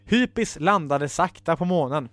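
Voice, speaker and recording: A man's voice: fairly high pitch, animated, fairly bright tone, no room sound. A man reading a story he wrote aloud, laughing now and then at his own lines.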